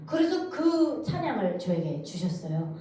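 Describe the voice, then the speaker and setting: A woman from North Korea giving a church testimony, telling her story in a lively way and acting out the voices she quotes. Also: medium pitch, measured pace. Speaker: guest speaker giving testimony. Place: church sanctuary. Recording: echoey church hall, distant mic, faint noise.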